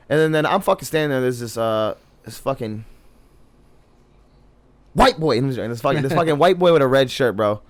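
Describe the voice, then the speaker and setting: A young man co-hosting a podcast, telling a story in casual, profane chat and loudly quoting himself. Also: mid-range voice. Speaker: podcast co-host.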